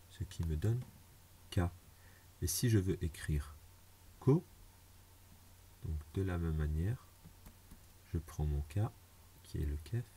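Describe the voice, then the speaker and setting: A man's voice: sits low, dark tone, slight background noise. A man teaching a beginners' language lesson, patiently walking through each step and repeating it plainly. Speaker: Arabic teacher.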